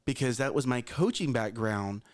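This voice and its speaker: Animated and moderately paced, a medium-pitched man in his thirties co-hosts a morning show. He relates a personal story about parenting in an earnest, repetitive manner, speaking straight to his audience.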